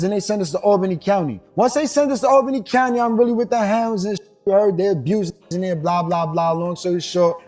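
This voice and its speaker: A man's voice: sits high, a little mellow. A man telling a long, rambling street story, asking "you heard?" throughout. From New York. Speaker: storyteller in a played clip. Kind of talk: casual storytelling.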